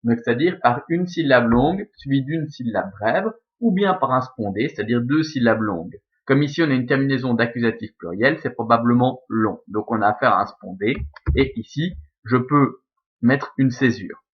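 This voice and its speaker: A man with a Belgian French accent talks through a lesson at a middle pitch, patient and methodical. He fills his sentences with small hesitations and corrects himself as he goes. The recording sounds slightly dull and lo-fi. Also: animated, moderate pace. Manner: patient, methodical, with frequent fillers and self-corrections. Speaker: Latin teacher. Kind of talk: recorded lesson explaining verse scansion.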